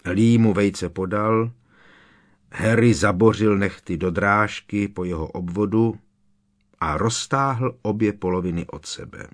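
A man narrating an audiobook in a steady, expressive reading voice. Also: lowish voice. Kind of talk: scripted narration.

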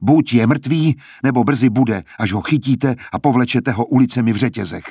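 A man reading a defiant, angry young student who argues in raised, heated retorts with a husky voice. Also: mid-range voice, lively intonation, a little mellow, no room sound, studio quality.

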